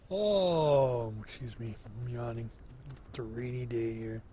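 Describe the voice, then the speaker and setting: A man giving relaxed solo commentary as he plays, slow and musing, thinking aloud to himself. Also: mid-range voice, a little hiss or hum. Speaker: gameplay commentator.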